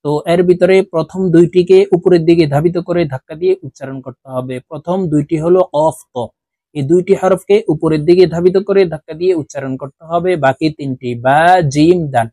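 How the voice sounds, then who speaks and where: A man teaching Quran letter reading, spelling out each syllable and then slowly drawing out the whole word. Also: fairly high pitch, dark tone, no echo. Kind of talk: slow spelled-out recitation lesson.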